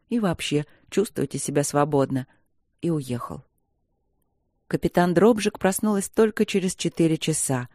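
Measured audiobook narrator, dry sound. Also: medium pitch, dark tone, dry recording. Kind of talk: scripted narration.

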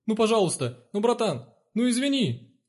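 A man's voice: high-pitched, big pitch swings, moderate pace, a little mellow, voice pushed up. A man voicing a jumpy young male station guard who pleads and whines in a panic. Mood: begging.

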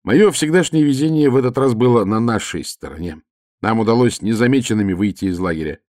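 A man reading a first-person adventure audiobook in a lively storytelling manner. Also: medium pitch, a little fast, no echo, clean studio sound. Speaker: audiobook narrator.

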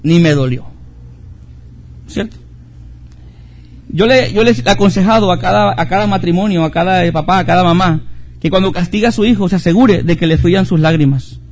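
A man's voice: sits high, steady tone, a little fast. A middle-aged man preaching as a pastor, earnest, with rhetorical questions and repetition. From Mexico. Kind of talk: sermon.

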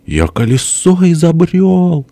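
A man voicing a small, whiny, squealing old male ruler in an audiobook, shrill and pleading. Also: big pitch swings, slow pace, gravelly, mellow, no room sound, exaggerated voice. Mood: boastful. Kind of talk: audiobook character voice.

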